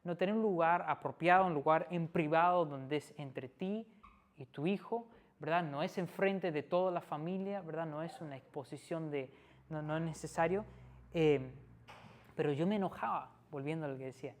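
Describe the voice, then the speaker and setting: A man preaching in a conversational sermon, often checking in with the listener through tag questions and pausing with fillers. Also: on the high side. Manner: frequent tag questions, hesitant fillers and restarts.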